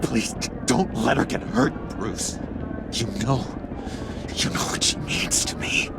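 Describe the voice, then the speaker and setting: An actor playing an eager, unstable, needy misfit in a video game, pleading and halting, with a theatrical delivery. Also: male voice, medium pitch, vocal fry, heavy background noise. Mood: anxious pleading. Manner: pleading, halting, swinging from hushed to excitable. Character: eager, unstable, needy young misfit man, anxiously devoted.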